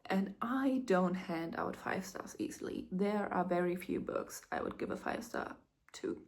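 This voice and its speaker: Young woman book vlogger, tired and kinda sick, raspy fry voice, slow and whispery. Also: fairly low pitch, a little mellow. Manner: emotional, dramatic reactions. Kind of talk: casual reading vlog.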